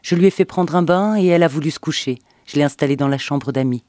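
A man as a calm, pleading husband. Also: on the high side, fast talker, no room sound, clean studio sound, lightly acted. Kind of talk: dramatic audiobook reading.

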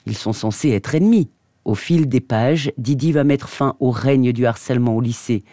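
Measured male radio reader, mellow voice. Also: medium pitch, dry recording. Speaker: radio book presenter. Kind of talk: reading a novel excerpt aloud.

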